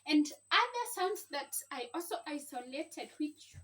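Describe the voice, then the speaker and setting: Her high-pitched voice has an unhurried sing-song lilt and a touch of brightness. In an informal vlog shot at home, this mother teaches her children to read using simple phrases, heard through a distant mic over faint background noise.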